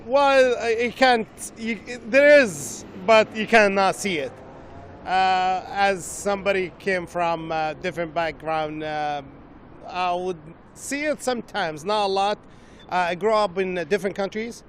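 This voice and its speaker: A man from Russia giving a halting street-interview answer in non-native phrasing. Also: sits high, fairly bright tone, a little hiss or hum. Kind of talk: street vox pop answer.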